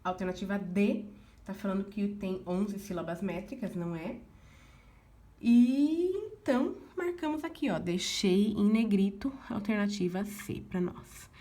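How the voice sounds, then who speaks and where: A Brazilian woman teacher talks through a worked exercise with her students. Her voice sits at a middling pitch, and she is patient and conversational. She keeps checking that the students are following along. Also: measured pace, dark tone. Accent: Brazilian Portuguese. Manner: patient, uses many fillers like "né" and "ó". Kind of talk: recorded class lesson, explaining exercises.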